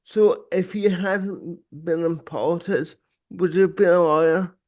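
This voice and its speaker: An older man hosting a casual podcast interview in a halting, repetitive way. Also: high-pitched, fairly even intonation, a little mellow, lo-fi sound. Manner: halting, hesitant, repeats words. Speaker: podcast host. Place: small home room, video call. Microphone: close desk microphone on arm.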